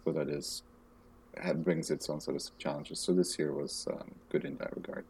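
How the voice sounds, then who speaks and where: A man from Belgium, a music festival director, talking casually in a soft, measured way with frequent pauses. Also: extremely low pitch, fairly even intonation, a little hiss or hum. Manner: soft-spoken, measured, hesitant with ums. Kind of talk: casual interview conversation.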